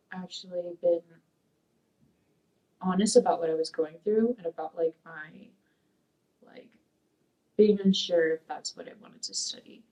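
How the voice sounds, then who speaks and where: A community college student, a young woman from Peru raised in Sacramento, answers oral history questions in a dark studio, seated, hesitating and rambling with lots of fillers. Her lowish, dark-toned voice comes through a distant mic with the highs cut off.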